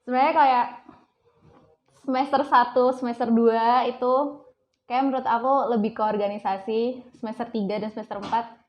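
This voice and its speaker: A woman's voice: on the high side, fairly even intonation, moderate pace, lo-fi sound. A young woman, a student guest, talking in a chatty way and searching for words.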